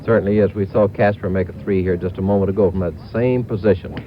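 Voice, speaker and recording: A man's voice: sits low, fairly even intonation, fast. A man giving conversational golf analysis during an old live television broadcast. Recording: dull, noisy vintage TV broadcast.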